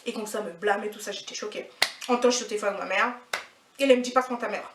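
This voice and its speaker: Racing through her story with background noise behind her, a French woman in her twenties vents indignantly in a mid-range voice. This vlogger is animated and slangy, repeating points for emphasis, captured by a far-off mic in an echoey room.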